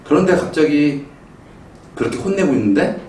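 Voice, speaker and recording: A middle-aged male pastor preaching a sermon, telling a family story and acting out his own shouted lines with animated storytelling. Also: on the high side, moderate pace, slight background noise. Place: church sanctuary. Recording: roomy echo, mic some distance off.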